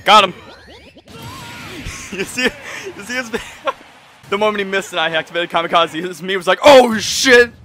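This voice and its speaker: A man giving casual, excitable commentary over his own gameplay, swearing and laughing as he plays. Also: high-pitched, normal speed, pauses often, soft background music. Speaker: gaming YouTuber.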